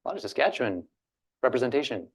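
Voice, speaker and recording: A man's voice: mid-range voice, very animated, fast, slightly rough. A man from Alberta moderating a panel discussion in a loose, chatty way, with frequent fillers, restarts and self-deprecating asides. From Alberta, Canada.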